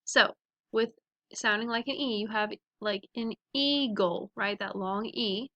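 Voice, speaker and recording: A woman teaching a phonics lesson to young children, sounding out letters and words slowly and clearly. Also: medium pitch, fairly even intonation, pushed and bright, lo-fi sound, slight background noise.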